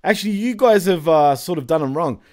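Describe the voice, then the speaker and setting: A man's voice: on the high side, expressive, a little fast, darkish tone. A man co-hosting a wrestling podcast, blunt and laughing a lot in casual chat. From Australia. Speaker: podcast co-host.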